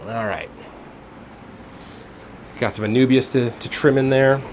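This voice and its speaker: Male tour guide, medium pitch, informal vlog narration, thinks out loud, faint ventilation noise indoors. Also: a little slow. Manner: informal, rambling, thinking aloud. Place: indoors, workplace rooms. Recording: faint room and air-conditioning noise.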